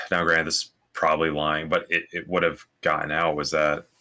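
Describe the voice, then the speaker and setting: A man's voice: very deep voice, level tone, moderate pace, pushed and bright. A man on a podcast talking casually and hesitantly, often restarting his sentences. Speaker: podcast co-host. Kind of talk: casual chat.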